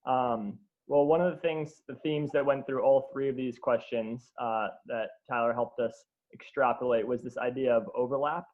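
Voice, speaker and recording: A man giving reflective remarks at a community meeting, speaking in an even, measured way. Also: mid-range voice. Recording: tinny phone-like sound.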